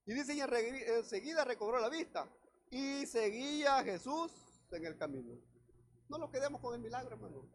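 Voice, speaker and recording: A man preaching a sermon with a very high voice. He reads scripture aloud, explains it, and keeps calling out to the congregation. There is faint noise in the background. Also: expressive, moderate pace. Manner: preaches directly to the congregation, often calling out "hermano". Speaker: pastor.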